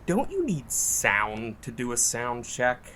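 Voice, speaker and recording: In naturalistic audio drama dialogue, a man plays a cocky, wisecracking would-be podcast storyteller who jokes in a flippant, deadpan way. His mid-range voice is slow and heavily acted.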